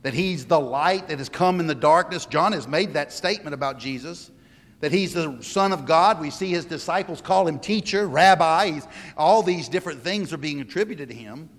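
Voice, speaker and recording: A man preaching a sermon in a church, emphatic, pausing and restarting his sentences. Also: fairly high pitch, expressive, long reverb tail. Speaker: pastor.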